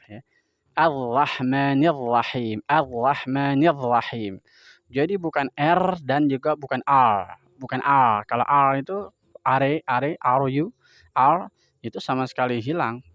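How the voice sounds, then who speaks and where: A man with an Indonesian accent teaching Quran pronunciation, slowly repeating syllables and verses to show the sounds. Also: mid-range voice, no room sound, highs cut off. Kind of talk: tajwid pronunciation lesson.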